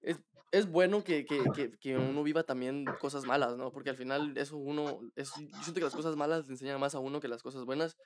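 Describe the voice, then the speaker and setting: A man's voice: mid-range voice, steady tone, fairly quick, hardly any pauses. A man interviewing a guest in casual conversation, chatty and full of fillers and repeated words.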